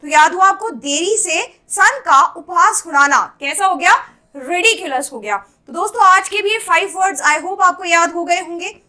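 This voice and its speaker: Woman, very high bright voice, teacher drilling vocabulary with call-and-answer. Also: moderate pace. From India. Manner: quizzing students with repeated questions and answers. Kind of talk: exam-prep English vocabulary lesson.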